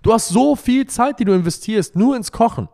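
A man's voice: very high-pitched, expressive, normal speed, creaky, darkish tone. A young man in a brash, profane monologue, mocking and emphatic as he rants. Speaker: money and lifestyle talker. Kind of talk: provocative monologue.

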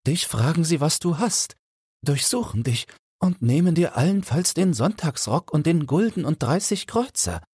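A man's voice: on the high side, animated, normal speed, a little mellow, husky, no echo, studio quality, pitched above the performer's own voice. A man voicing Felix, a young goldsmith apprentice, fearful and pleading in a fairy-tale audiobook. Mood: anxious, pleading.

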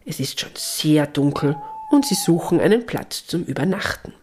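A woman reading a children's Christmas story aloud, calm and gentle. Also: low-pitched, normal speed, slight background noise.

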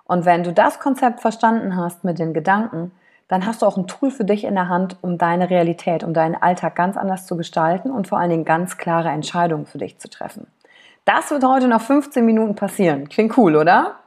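A woman hosting a self-help podcast, talking directly to the listener with lively rhetorical questions. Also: fairly low pitch, fairly quick. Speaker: podcast host and seminar coach.

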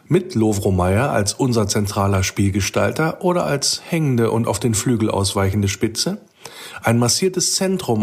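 A man's voice: medium pitch, husky. A man reading out a scripted, critical and analytical commentary for a fan podcast.

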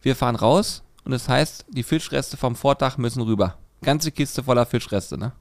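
A man's voice: mid-range voice, normal speed, no echo. A man co-hosting a podcast, telling a story in a casual chat, laughing often and acting out the quotes. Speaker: podcast co-host.

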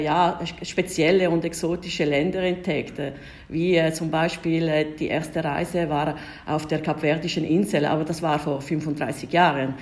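A diplomat in her forties from Ticino, Switzerland, whose native language is Italian, tells stories in German with an Italian-Swiss accent as a podcast guest. Her voice is lowish, and she's lively though hesitant and full of filler sounds.

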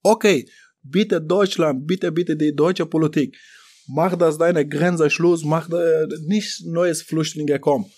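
A man from Afghanistan, not a native German speaker, talking in an interview in halting, broken German with many fillers and restarts. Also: fairly high pitch, fairly even intonation, darkish tone. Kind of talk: interview about his deportation.

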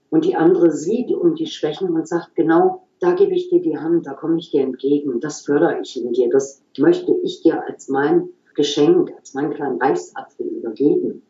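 A woman talking calmly and reflectively as an interview guest, explaining her work at an unhurried, thoughtful pace. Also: deep voice, reverberant, muffled recording. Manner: calm, explanatory, frequent "so" pauses. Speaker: guest, regression therapist.

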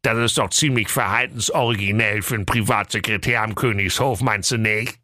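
A man doing a low, grumbling chatty king. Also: fairly even intonation, a little fast, pushed and bright, dry recording, clean studio sound. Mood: grumbling confiding. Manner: casual, grumbling and confiding. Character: chatty fussy old male king, gossiping and complaining. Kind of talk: comic fairy-tale reading.

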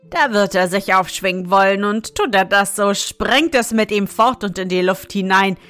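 A woman reading aloud, voicing talking ravens in a fairy tale, with loud, foreboding pronouncements. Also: mid-range voice, normal speed, no room sound, faint music behind, natural voice. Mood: ominous. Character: gossiping talking ravens, ominous and knowing.

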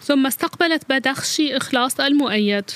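A woman's voice: high-pitched, racing. A woman reading a scripted translation as a voice-over narrator.

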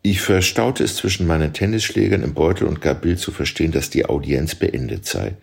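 A man reading a literary novel aloud as an audiobook, with measured, expressive storytelling. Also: extremely low pitch, gravelly, husky. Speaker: audiobook reader.

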